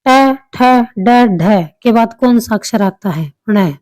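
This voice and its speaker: A woman's voice: medium pitch, lively intonation, slow, darkish tone, no echo, rough recording. A woman teaching an exam-prep grammar lesson, explaining step by step and repeating answers.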